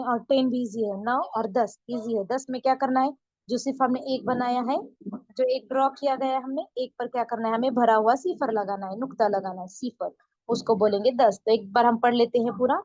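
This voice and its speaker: Female teacher, higher voice, patient repeating style, dull dry lo-fi recording. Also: steady tone, a little mellow, no echo. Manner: slow drawn-out counting. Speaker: Urdu teacher. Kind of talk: online beginner lesson.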